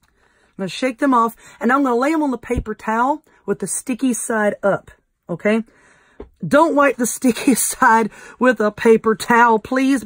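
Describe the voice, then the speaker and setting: Croaky Southern woman, fairly high voice, dry close sound, chatty craft-tutorial host. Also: dry recording. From North Carolina. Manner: friendly, chatty, addresses viewers as y'all. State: hoarse, croaky voice.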